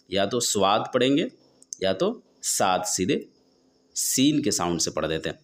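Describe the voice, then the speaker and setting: A man teaching a tajweed pronunciation lesson, explaining how each letter is formed and repeating the sounds slowly and drawn out. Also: low-pitched. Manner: asks and answers his own questions. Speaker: Quran recitation teacher.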